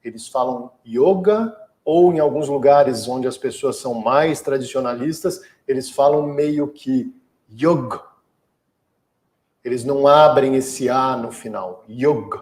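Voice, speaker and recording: A Brazilian yoga teacher answering a question in a casual lecture, explaining patiently. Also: male voice, medium pitch, fairly even intonation, normal speed, few pauses, a little mellow, roomy sound. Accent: Brazilian Portuguese.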